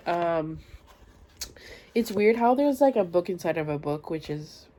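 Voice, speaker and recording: A woman's voice: on the low side, animated, unhurried, warm tone. A woman chatting casually in a vlog, sounding weary, groggy and stuffed up with a cold. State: sick with a cold and stuffy nose. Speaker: book vlogger.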